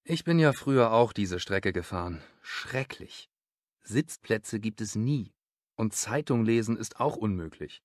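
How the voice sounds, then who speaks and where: A man's voice: on the low side, lively intonation, unhurried, no echo, clean studio sound. A man reading a grumbling coworker's lines in a scripted lesson dialogue. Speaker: office worker in a dialogue.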